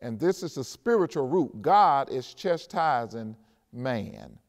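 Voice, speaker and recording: An older pastor preaching a sermon at a pulpit in an empty church, slowing down to stress scripture and speaking straight to his congregation. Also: mid-range voice, very animated. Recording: long church reverb.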